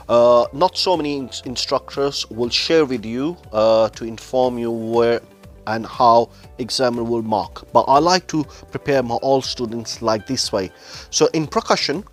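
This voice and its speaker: With a mid-range voice, this man plays a driving instructor, delivering formal instructions to learner drivers one step at a time. The wording reflects non-native English.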